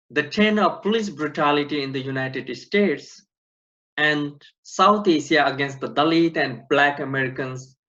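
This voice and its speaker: A man from Nepal, president of an organization, giving a slow, earnest prepared welcome speech to an online conference. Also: on the high side, a bit bright. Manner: slow, deliberate, earnest delivery. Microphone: video call. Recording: dull lo-fi online conference audio.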